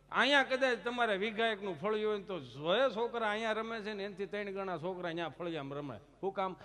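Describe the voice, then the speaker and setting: A man telling comic folk stories on a live stage, lively and teasing. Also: high-pitched. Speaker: folk storyteller. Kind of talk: live comic dayro storytelling.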